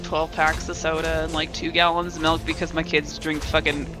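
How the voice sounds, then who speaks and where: A woman's voice: deep voice, level tone, moderate pace, over music, poor audio. An American woman in casual chat, candid, rambling and freely swearing.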